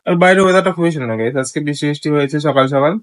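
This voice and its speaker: Man, Bengali accent, sore scratchy throat, casual vlog chat, quick teasing talk, dry close sound. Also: fairly high pitch, no echo. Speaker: vlogger.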